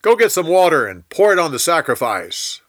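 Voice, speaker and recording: A man voicing a bold male prophet who speaks forcefully and insistently, in a Bible storytelling reading. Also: on the high side, big pitch swings, moderate pace, voice pushed up. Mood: commanding.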